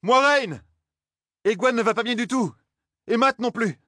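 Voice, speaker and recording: Male narrator playing a frightened young shepherd, raised pitch, urgent. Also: lively intonation, brisk, a little mellow, husky, no room sound, clean studio sound. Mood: alarmed. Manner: urgent, pleading.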